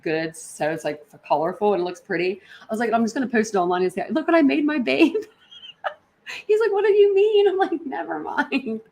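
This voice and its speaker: Chatting with viewers from her apartment, a woman hosts a livestream in a rambling, slang-heavy, informal way. Her voice is a little high and a bit mellow, swinging widely in pitch at a normal speed.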